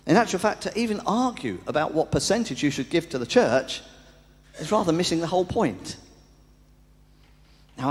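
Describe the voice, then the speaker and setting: Man, preacher, sermon, lively rising and falling voice, rhetorical questions, long church reverb. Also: a little high. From England. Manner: conversational, asks rhetorical questions.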